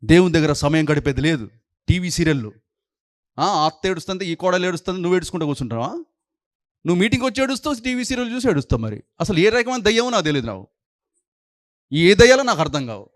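A man preaching a sermon as pastor, scolding his listeners with rapid-fire rhetorical questions. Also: high voice, big pitch swings, dry recording, clean studio sound.

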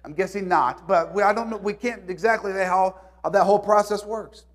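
A man preaching a sermon as pastor in a church, earnest, moving between loud emphasis and soft, hushed reading. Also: high voice, brisk. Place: church sanctuary.

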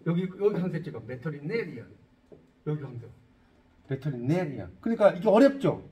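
A man's voice: high-pitched, fast talker. A middle-aged man teaching an English lesson in Korean, quizzing his listeners and joking as he goes. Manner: lively, asks students questions, jokes. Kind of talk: classroom-style lecture.

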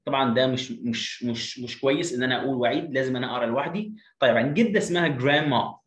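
A man with an Egyptian Arabic accent teaching an English lesson, repeating words slowly to drill their pronunciation. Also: mid-range voice. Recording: roomy echo.

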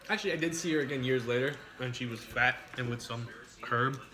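A man in his thirties livestreams a mukbang from his dining table in the kitchen, eating, joking crudely, and reading viewers' names aloud. His voice is medium-pitched and a little fast.

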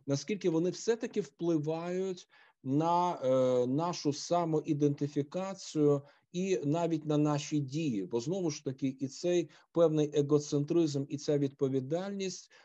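Halting male lecturer, dull audio. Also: a little high, warm tone. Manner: halting, many filler sounds. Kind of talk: online philosophy lecture.

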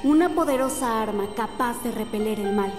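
A woman voicing a solemn young princess in a video game, speaking in a calm, grave, measured way. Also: on the high side, natural voice. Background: game music.

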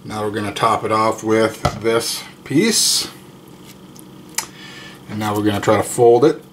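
A man's voice: lowish voice, fairly even intonation, slight background noise. A man in his thirties hosting a casual home cooking video, talking in an easygoing, jokey way while he cooks and tastes. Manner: slow, easygoing, jokey, chews between remarks. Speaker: cooking vlog host. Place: home kitchen and dining room, indoors.

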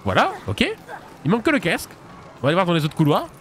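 Lively high-voiced male game streamer. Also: quick pace, a little hiss or hum. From France. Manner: animated, chatty, laughs often, reacts loudly. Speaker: streamer playing a video game. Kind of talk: casual live gameplay commentary.

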